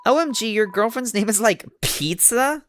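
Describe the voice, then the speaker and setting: A woman voicing a bubbly valley-girl woman who gushes, says "like" constantly, and squeals in a high, drawn-out way. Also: expressive, a little hiss or hum, close to an everyday voice. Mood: gushing.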